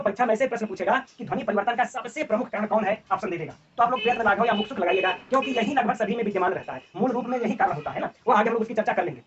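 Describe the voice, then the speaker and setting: A man's voice: very high-pitched, fairly bright tone, slight background noise. A man teaching an exam-prep lecture at a board. He explains with examples and keeps asking his class "right?", recorded from a distance on a dull lo-fi mic.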